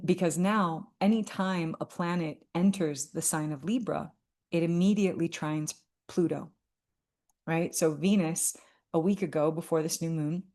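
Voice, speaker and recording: A woman's voice: deep voice, darkish tone. A woman talking to camera about astrology in a casual, heartfelt way, earnest and full of fillers and restarts. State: tearful at moments. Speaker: astrology vlogger.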